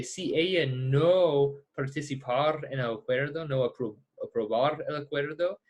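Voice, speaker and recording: A male teacher speaks Spanish with an American accent, as a native English speaker does. His delivery is slow and halting, at a middling pitch, as he searches for the right word while leading a class discussion. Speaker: ethics teacher. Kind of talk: lecture discussion with students.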